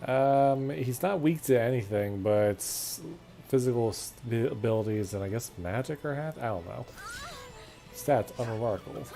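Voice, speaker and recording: A man's voice: medium pitch, normal speed, gravelly, dark tone, soft background music. A man streaming a video game, chatting and joking as he thinks aloud. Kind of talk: casual gameplay commentary.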